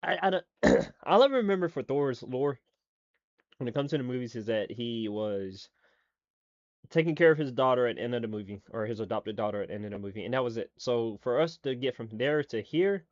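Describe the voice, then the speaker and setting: A man's voice: mid-range voice, expressive, fairly quick, a little mellow, dry recording, muffled recording. A man giving casual reaction commentary as a streamer, rambling with lots of fillers, restarts and swearing.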